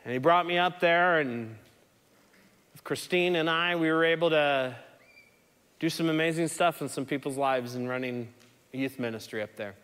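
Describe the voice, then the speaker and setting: A man's voice: mid-range voice, fairly bright tone, smooth. A man preaching a sermon in an earnest, conversational storytelling way. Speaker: pastor. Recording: long hall reverb.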